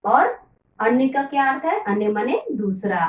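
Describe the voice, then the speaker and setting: A woman's voice: a little high, lively intonation, highs cut off, a little hiss or hum. Teacher woman, echoey and distant. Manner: slow, repeats key words for pupils. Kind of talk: classroom lesson. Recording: echoey room, voice from far off.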